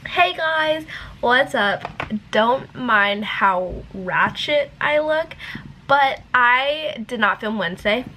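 A woman's voice: on the high side, lively intonation, slow pace, bright, forceful tone, faint music behind. A woman chatting casually to her vlog camera, rambling and giggly, talking with a retainer in and short on sleep. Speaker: YouTuber.

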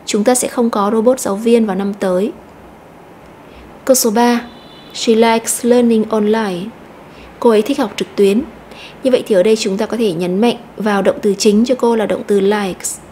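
A woman teacher explaining an English lesson step by step, slowly repeating each word to stress. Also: mid-range voice, fairly even intonation, warm tone, a little hiss or hum. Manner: methodical, repeats words slowly.

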